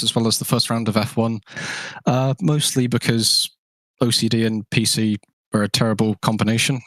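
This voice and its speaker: A man's voice: mid-range voice, dry recording. Frank, rambling young male driver. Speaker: race-winning driver, interview guest. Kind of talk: casual interview.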